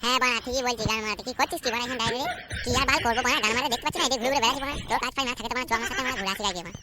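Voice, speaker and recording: Woman voicing a comedy cartoon, slightly high voice, super fast crude banter, music underneath. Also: background noise. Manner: rapid, crude slang-heavy banter. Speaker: cartoon voice artist. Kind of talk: comic cartoon dialogue voicing. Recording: voice over background music.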